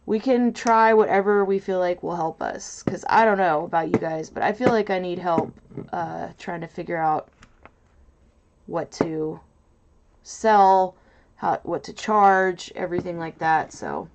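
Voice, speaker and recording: Loud nasal woman rambling on a stream. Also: fairly low pitch, a little slow, a little hiss or hum. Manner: rambling, hesitant, full of fillers. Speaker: livestream host. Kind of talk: casual livestream chat. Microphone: mic set off to the side, away from camera.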